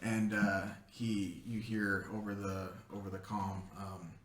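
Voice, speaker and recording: A man's voice: lowish voice, level tone, a little slow, a bit bright, reverberant, a little hiss or hum. A man who narrates a tabletop game as game master, chatty and often laughing.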